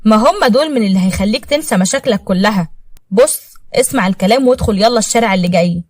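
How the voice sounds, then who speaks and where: A woman's voice: medium pitch, lively intonation, racing, no echo, close to an everyday voice. A woman with an Egyptian accent voicing a young man who coaxes his friend, pushy and persuasive. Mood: coaxing. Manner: coaxing, persuasive.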